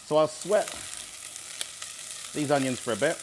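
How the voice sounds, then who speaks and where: A man's voice: fairly high pitch, expressive, unhurried, noisy background. A man from Barbados, casually explaining dishes as a street-food cook in a cooking demonstration. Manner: informal, explanatory.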